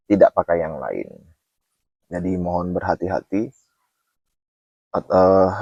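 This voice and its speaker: A man hosting his own channel, making a casual announcement to viewers and spelling out details slowly and repeatedly. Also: sits low, creaky, a little mellow, slightly rough, dry recording, dull audio. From Indonesia. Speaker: channel host running a book donation drive. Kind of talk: casual direct-to-camera announcement.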